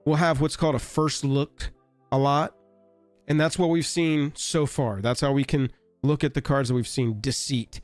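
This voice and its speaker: Raspy-voiced sick man, wry live-stream host. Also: mid-range voice, darkish tone, dry recording. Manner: rambling, wry and offhand. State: sick, hoarse. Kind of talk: casual live-stream chat.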